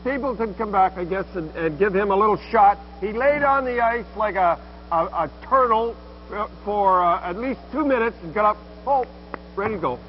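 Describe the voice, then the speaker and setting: Male Canadian colour commentator, high-pitched, punchy and opinionated, with noise behind the broadcast. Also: animated, a little fast. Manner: blunt, emphatic, punchy short phrases. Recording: dull lo-fi broadcast with background noise.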